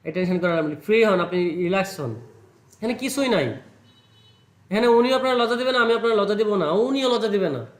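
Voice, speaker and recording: A man teaches a computer class in a high voice, calm and reassuring. He repeats each word slowly for his student. The classroom rings with echo. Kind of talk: patient classroom instruction.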